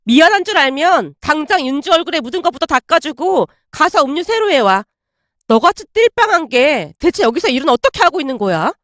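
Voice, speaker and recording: A woman voicing a sharp-tongued young woman who scornfully orders a former classmate around in a storybook drama. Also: high-pitched, sing-song, a little fast, no room sound, clean studio sound. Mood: irritated. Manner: irritable, commanding, scornful.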